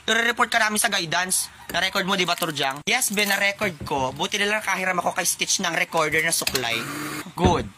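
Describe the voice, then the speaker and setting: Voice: medium pitch, fairly quick, pushed and bright. A comedy skit creator trading sassy, mocking banter in a school sketch. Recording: noisy background hiss.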